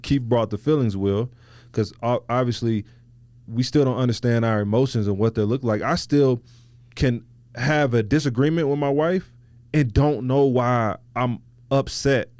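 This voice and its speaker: A man's voice: medium pitch, moderate pace, a little mellow, dry recording. A man hosting a podcast, talking reflectively in loose, slangy, casual conversation. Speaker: podcast host.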